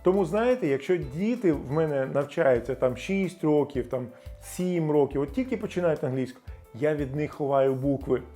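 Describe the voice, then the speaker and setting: A man's voice: fairly high pitch, animated, dark tone, faint music behind. Ukrainian man teaching English sounds. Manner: emphatic, demonstrates English words slowly with stress. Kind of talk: explanatory video lesson.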